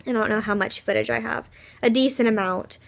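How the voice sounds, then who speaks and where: A young woman chats through her home vlog in a slightly high voice. She rambles cheerfully, full of fillers and little asides. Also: steady tone, a little fast, gravelly. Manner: chatty, upbeat, rambling with fillers. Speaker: vlogger. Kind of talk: casual vlog chat. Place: at home, indoors.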